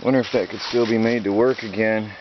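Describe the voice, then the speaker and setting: A man's voice: fairly low pitch, fairly even intonation, brisk. A man talking casually as he rambles through a vlog outdoors in the countryside, by a creek. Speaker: vlogger. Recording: dull lo-fi outdoor audio, loud creek and nature noise. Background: running creek water, insects.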